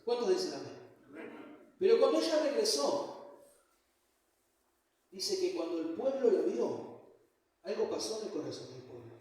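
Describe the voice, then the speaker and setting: A man with an Argentine accent preaches in a loose, joking way, checking in with his listeners at every turn. His voice sits high for a man. It rings through a large church hall and is picked up from far off, with a long, booming reverb. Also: a little mellow. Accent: Argentine Spanish. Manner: conversational, joking, checks in with frequent "¿sí?". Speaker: pastor. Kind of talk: sermon.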